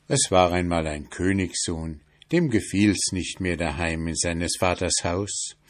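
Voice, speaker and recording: Slow, low-voiced male storyteller. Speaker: audiobook narrator. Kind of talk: scripted fairy tale narration.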